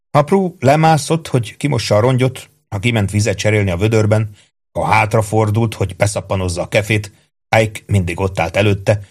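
A man reading a novel aloud in steady, even narration. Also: lowish voice. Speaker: audiobook narrator. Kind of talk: scripted narration.

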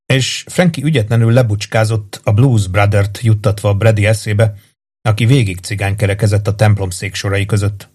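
A man reading a story aloud as an audiobook narrator, in calm, even storytelling. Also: on the low side, slightly rough. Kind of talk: scripted narration.

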